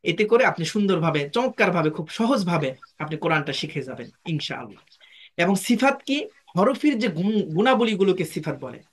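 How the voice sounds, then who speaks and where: A man with a Bangladeshi Bengali accent, a Quran teacher explaining a course in a demo class, slowly spelling out sounds. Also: sits high, sing-song, breathy edge. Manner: patient, slow spelling-out of sounds.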